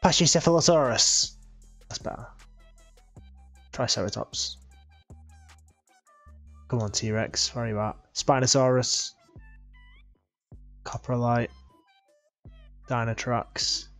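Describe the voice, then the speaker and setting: A man's voice: medium pitch, slow pace, pauses often, a bit bright. A man chatting through gameplay in a playful, jokey way, taking his time over each phrase. Faint game music plays underneath his voice. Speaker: gaming channel host. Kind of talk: casual gameplay commentary.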